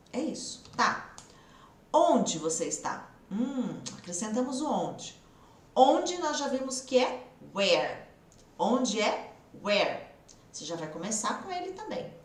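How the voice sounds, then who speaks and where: A woman from the interior of São Paulo state, with that countryside Brazilian Portuguese accent, teaches an online English class and coaxes her students with drill questions. Her voice is on the high side with big pitch swings, and she speaks slowly. The mic is distant and the room echoes.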